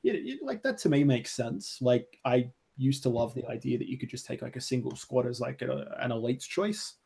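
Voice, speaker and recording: A man's voice: medium pitch, lively intonation, moderate pace, vocal fry, mellow, husky. A man co-hosting a podcast in casual chat, rambling with lots of fillers and casual swearing. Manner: rambling, full of "like" and "you know", swears freely. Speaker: podcast co-host.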